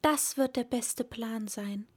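A woman's voice: on the high side, takes it slowly, husky. A woman voicing a curious, bold young girl in a storybook reading, earnestly talking to herself.

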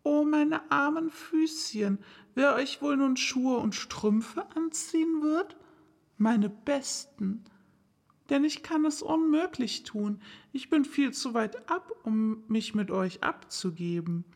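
A woman voicing Alice, a curious, dreamy young girl who chatters to herself in a lively way. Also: high voice, takes it slowly, big-room sound, exaggerated voice. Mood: wondering.

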